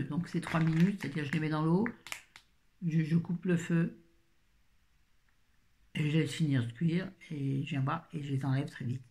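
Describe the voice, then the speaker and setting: Chatty woman in her fifties with a gravelly voice. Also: deep voice, warm tone. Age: 50s. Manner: chatty, rambling, self-mocking asides. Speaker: vlogger. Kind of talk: casual grocery haul chat.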